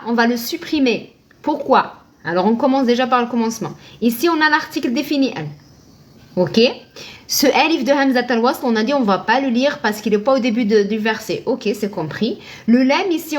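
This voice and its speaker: A woman teaching Arabic reading live online, patient, posing questions and answering them herself, thanking viewers by name. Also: fairly high pitch.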